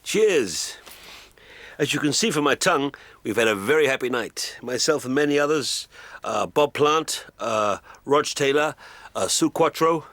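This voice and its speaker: An actor playing a vain, oblivious rock musician, talking in a deadpan, rambling way full of little fillers. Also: male voice, medium pitch, unhurried. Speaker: aging rock star. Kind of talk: mockumentary monologue.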